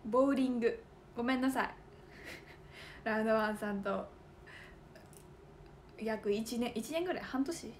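Slow, giggly young Kansai woman. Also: on the high side, slight background noise. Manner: giggly, thinking aloud while writing. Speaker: idol livestream host. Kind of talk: casual livestream chat.

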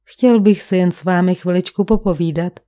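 A woman reading the lines of a calm, probing middle-aged male police commissioner in an audiobook, with measured, gentle questioning. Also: fairly low pitch, natural voice. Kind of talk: audiobook character voice.

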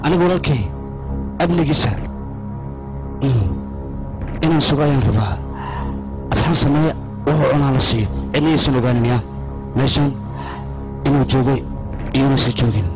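A man's voice: medium pitch, a little fast, long pauses, natural voice. A man with a Somali accent playing a guarded, determined character in a crime film dub, terse and firm. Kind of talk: dubbed film acting. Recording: film dub with music behind.

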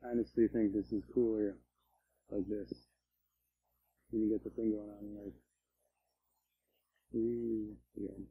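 Low husky man with a lo-fi sound. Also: level tone. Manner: halting, many fillers and restarts, offhand remarks. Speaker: vlog host reviewing candy. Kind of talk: casual unboxing commentary.

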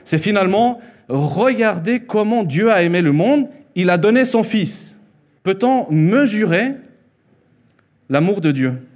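A Mexican-born man in his thirties, Spanish his first language, preaches an earnest sermon into a handheld mic in a church hall. His voice sits high, expressive and darkish in tone, and he repeats phrases for emphasis while slowing on key lines.

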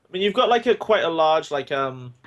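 A man's voice: a little high, expressive, a little fast, a bit bright, muffled recording. A young man narrating a tabletop game as game master, in a loose, rambling way with lots of fillers.

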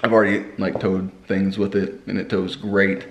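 A man's voice: low-pitched, little pitch movement, moderate pace, a little hiss or hum. A young man chatting casually as a car vlogger, talking with braces that give him a slight lisp. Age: young adult. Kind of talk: casual rambling vlog chat. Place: indoors in a home kitchen. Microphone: camera at arm's length or on the table.

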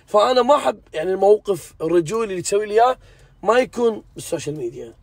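A man's voice: sits high, lively intonation, racing, creaky, no room sound. A man, chatting earnestly and insistently with a friend inside a car. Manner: earnest and insistent, swears he means it. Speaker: vlog host. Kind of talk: casual chat.

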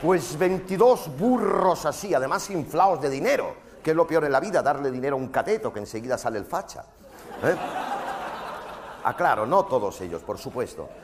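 A man performing a brash, foul-mouthed stand-up monologue on a theater stage, mimicking voices and breaking into shouts. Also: medium pitch, very animated, fairly quick. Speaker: stand-up comedian. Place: theater stage before a live audience. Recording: live stage recording with crowd and noise. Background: audience laughter.

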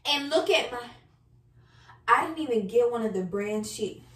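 A young woman in her early twenties vlogs while cooking, chatting candidly and slangily to viewers in a fairly high, expressive voice that's a bit bright and moderately paced. A camera on the counter a few feet away captures her in the home kitchen, and the result is roomy and distant, with background noise.

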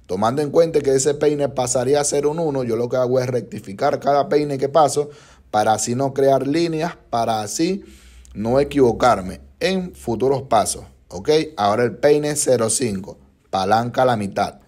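A man's voice: medium pitch, moderate pace, darkish tone. A young man, a barber, narrating a step-by-step haircut tutorial in a barbershop, patient and instructive, often checking in with his viewers.

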